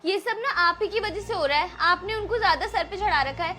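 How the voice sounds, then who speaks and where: A woman's voice: very high voice, a little fast, sharp tone, faint music behind. Woman playing an indignant married daughter. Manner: scolding, confrontational. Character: young married daughter visiting her mother, indignant.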